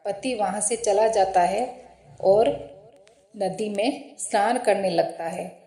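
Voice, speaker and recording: A woman narrating a devotional folk tale in a measured storybook manner. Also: mid-range voice, warm tone. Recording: roomy echo.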